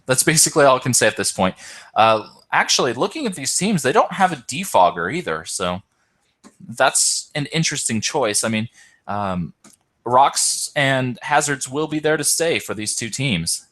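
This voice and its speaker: A man's voice: medium pitch, very animated, moderate pace, a bit bright. Man, game commentary, tired, hesitant, self-correcting. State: tired, yawning. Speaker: tournament host and commentator.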